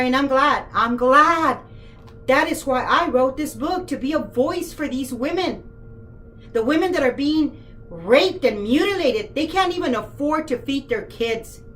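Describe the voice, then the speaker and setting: An impassioned woman speaks to camera in a fairly high voice, earnest and pleading. She turns to her listeners with direct questions and lets her emotion show as she speaks. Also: a bit bright, a little hiss or hum, low-quality recording. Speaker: author and former detention center worker.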